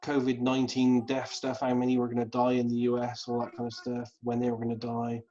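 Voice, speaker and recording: A man hosts a casual group video call in an ordinary mid-range voice. He talks in a halting way, restarting and repeating words as he thinks. The sound is dull and lo-fi, like compressed call audio. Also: medium pitch, monotone, warm tone. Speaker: host. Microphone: video call mic.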